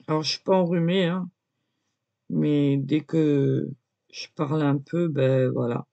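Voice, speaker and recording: A deep, dark female voice with vocal fry comes through a muffled recording, steady in tone and measured in pace. She's an amateur artist chatting viewers through her drawing, hesitant and packed with "euh" and "voilà" fillers, and she coughs and chokes readily as she speaks.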